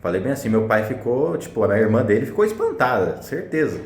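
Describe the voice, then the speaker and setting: A man's voice: mid-range voice, very animated, fairly quick. A young man telling a personal story to camera in a casual, blunt way, full of slang and swearing. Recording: roomy echo.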